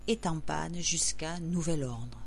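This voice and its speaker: A woman announcer reading scripted public announcements, like those at an airport or station, in a formal, measured way. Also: deep voice, vocal fry, slight background noise.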